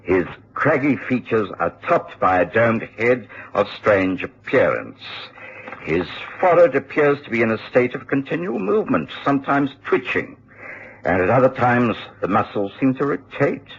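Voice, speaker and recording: An actor playing a genial, earnest middle-aged gentleman doctor with a Received Pronunciation accent, telling his adventures in a radio drama in a measured, expressive way. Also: medium pitch, creaky. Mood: intrigued, uneasy. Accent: British Received Pronunciation. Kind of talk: radio drama narration and dialogue. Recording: dull, faintly noisy old radio recording.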